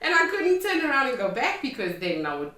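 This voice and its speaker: A high-pitched woman with huge pitch swings talks a little fast, her voice pushed and bright. She is a music and poetry artist from Lesotho and South Africa whose first language is Sotho, telling her life story as an interview guest. The room is echoey and the microphone sits at a distance.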